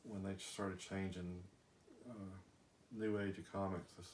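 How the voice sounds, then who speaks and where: A middle-aged man casually talking through his graded comic collection in slow, measured explanations with some filler words. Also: low voice, flat delivery, darkish tone, slight background noise. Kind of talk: casual chat.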